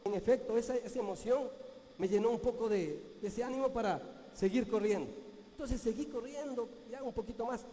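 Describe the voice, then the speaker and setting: A man with a high but mellow voice tells an earnest, halting story as a motivational speaker. He restarts his phrases often and acts out the people he quotes. The sound is from a large hall with a long, lingering reverb. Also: a little hiss or hum. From Ecuador. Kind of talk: motivational talk to an audience.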